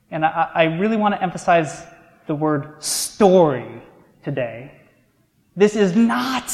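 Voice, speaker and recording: A male pastor delivers a sermon, easing from casual storytelling into slow, weighty emphasis on key words. His voice sits a bit on the high side. The sound rings with the long reverb of a large church sanctuary. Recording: echoey church hall.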